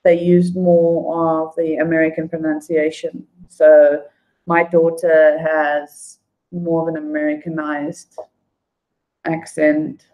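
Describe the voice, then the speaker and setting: The recording is muffled as a South African woman hosts a casual, unscripted livestream, replying to viewers' comments and naming them as she goes. Her voice sits low with a flat delivery, and she takes it slowly. Her talk rambles conversationally with fillers and restarts.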